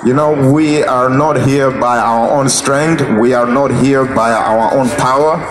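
A man preaching outdoors at night into a handheld mic through a loudspeaker, half-singing and shouting his lines. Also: mid-range voice, fairly even intonation, measured pace, roomy sound, background noise. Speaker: street preacher. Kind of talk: open-air street preaching. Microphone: handheld mic through a PA speaker.

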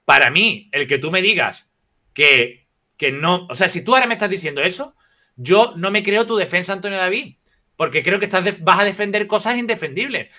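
Insistent bright-voiced man arguing. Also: high voice, lively intonation, fairly quick. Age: 40s. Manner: insistent, keeps asking not to be interrupted. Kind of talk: heated live debate.

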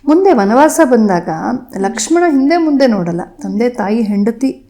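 A woman, explaining and retelling old tales in a measured way, with frequent pauses and fillers. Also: fairly high pitch, lively intonation, dark tone. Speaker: podcast guest speaker. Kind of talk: explanatory storytelling in conversation.

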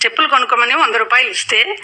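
A man reading a short story aloud for radio, steady and measured. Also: very high voice, low-quality recording. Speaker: story reader.

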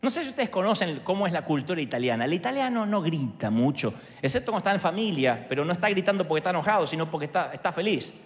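A man with an Argentine accent preaching a sermon in a large church hall, animated and humorous. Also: on the high side, quick pace, hardly any pauses. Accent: Argentine Spanish. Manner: animated, humorous storytelling with acted voices. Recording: echoey hall with long reverb.

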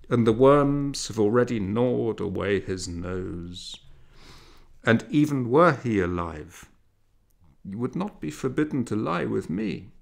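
A man voicing a menacing male demon in a hollow, booming voice, slow and threatening in a read-aloud story. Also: creaky.

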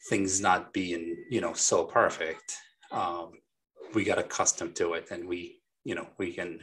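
Low husky-voiced man on a video call. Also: fairly bright tone. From Lebanon. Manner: friendly, talkative, frequent fillers and restarts. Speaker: guest, business owner. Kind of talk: casual interview over video call. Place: small dark home studio. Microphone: desk microphone on a boom.

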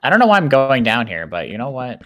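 A young man hosting a casual Minecraft let's play, excitable and quick to laugh, talking in fast bursts. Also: medium pitch. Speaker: gaming channel host.

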